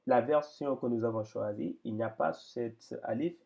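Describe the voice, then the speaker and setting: A man's voice: medium pitch, normal speed, creaky, darkish tone. A man teaching Quran reading in an explanatory lesson, patient and hesitant, often repeating words as he points things out.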